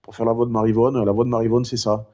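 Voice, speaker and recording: A middle-aged man talking casually in a vlog, rambling and chatty with many fillers; one vocal cord is impaired, so he has no high head voice. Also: little pitch movement, quick pace, dark tone. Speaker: vlogger recounting his cancer.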